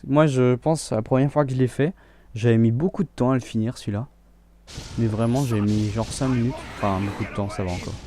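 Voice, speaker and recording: A young man hosting a let's play, talking casually about his gameplay in a relaxed, chatty way and often restarting his sentences. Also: mid-range voice, a little fast, noisy background.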